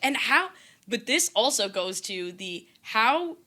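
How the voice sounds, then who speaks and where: Blunt woman with a bright voice. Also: a little high, very animated, slow pace. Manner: blunt and opinionated. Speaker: podcast co-host. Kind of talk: casual podcast chat.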